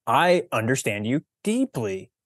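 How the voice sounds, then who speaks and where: Storybook figure: a greedy, commanding man, put on by a male reader, loud, slow, dry mic. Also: mid-range voice, sing-song, no echo. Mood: insistent. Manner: bossy, loud and commanding, stretched slow words. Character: boastful, possessive grown man claiming everything.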